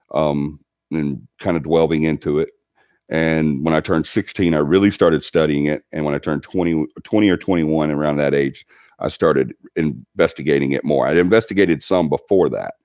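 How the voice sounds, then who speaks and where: Reading live chat on his paranormal stream, a man in his 40s chats loosely, restarting often and saying um a lot. His voice is a low rumble with a darkish tone, captured in lo-fi sound with no room ambience.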